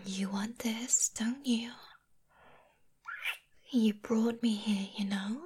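A woman voicing a teasing, possessive female succubus in a whispered ASMR roleplay, hushing softly into a close mic. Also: on the high side, fairly even intonation, slow, a little hiss or hum. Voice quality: breathy.

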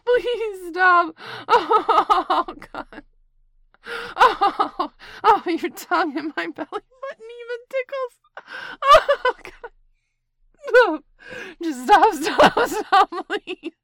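Very high-voiced, slow, breathless woman. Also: sharp tone, no echo, studio quality. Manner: breathless, pleading between giggles. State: out of breath from laughing. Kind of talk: acted audio roleplay.

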